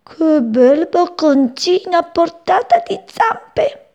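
A woman voicing a sly, hungry male cat in a children's story, speaking slowly and gloatingly. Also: very high-pitched, animated, a little mellow, muffled recording, pitched above the performer's own voice, full character voice. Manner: slow, gloating, drawn-out.

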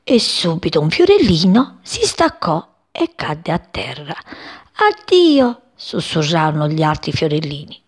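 A woman reading a children's story aloud in an expressive, lilting way. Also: deep voice, normal speed, hardly any pauses, breathy edge.

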